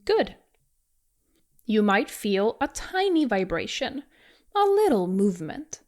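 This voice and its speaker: Slow, lively woman teaching rolled Rs. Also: on the high side. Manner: demonstrates exaggerated rolled R sounds; encouraging, reassuring. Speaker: language teacher. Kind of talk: pronunciation lesson with pauses to repeat.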